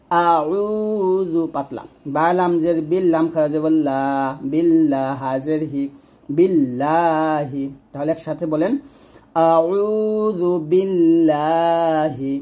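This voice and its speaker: Dark in tone yet a little high for a man, this teacher's voice guides an instructional Quran recitation lesson. He goes over each sound with patience and lengthens the recited words slowly so each letter can be heard.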